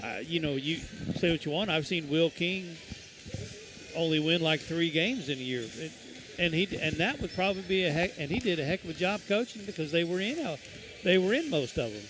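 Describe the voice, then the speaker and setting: A man's voice: on the high side, animated, brisk, background noise. Folksy rambling basketball color commentator man. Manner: rambling, folksy, many fillers and restarts. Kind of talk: casual high school basketball commentary.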